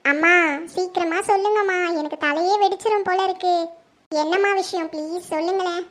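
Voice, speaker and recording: Very high, tearful young wife, as a performer puts her on, pleading in a family drama. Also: fairly even intonation, brisk, a bit bright. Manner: pleading, emotional. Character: tearful young married daughter. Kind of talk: home-made Tamil family drama.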